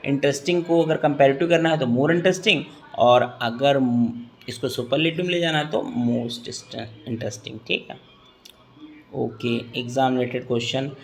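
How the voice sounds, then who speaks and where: A man's voice: medium pitch, creaky. A man in his thirties with a Hindi accent, teaching an English grammar lesson to students. He is patient, repeats key points and checks in with the class often.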